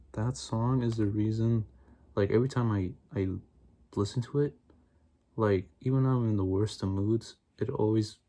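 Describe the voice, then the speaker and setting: A young adult man doing a fast, aggressive ASMR ramble in a casual, repetitive, enthusiastic way. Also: lowish voice, mellow. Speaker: ASMR video creator. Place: small bedroom, indoors. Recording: noisy room, clicking and tapping. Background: tapping and clicking on CD cases.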